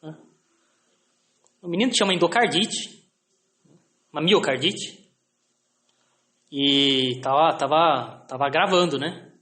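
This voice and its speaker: High-voiced Brazilian man telling stories. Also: slow pace, pauses often, fairly bright tone, echoey room. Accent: Brazilian Portuguese. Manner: anecdotal, frequent tag questions, self-deprecating. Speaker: lecturer.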